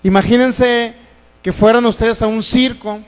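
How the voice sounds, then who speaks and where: A man's voice: very high-pitched, fairly even intonation, unhurried, clear, resonant tone, in a large hall. A man from Mexico preaching a sermon as pastor, asking the congregation questions and then answering them himself. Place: church sanctuary.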